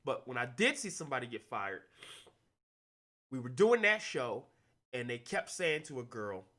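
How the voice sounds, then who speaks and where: A young adult man telling stories casually, animated, acting out the quotes with big jumps in his voice. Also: medium pitch, normal speed. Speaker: actor telling stories on a talk stream. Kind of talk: casual storytelling.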